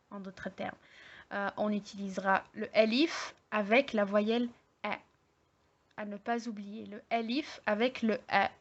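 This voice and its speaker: A woman teaching an online language lesson, explaining slowly step by step with many hesitations and fillers. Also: fairly high pitch, highs cut off. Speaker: Arabic teacher.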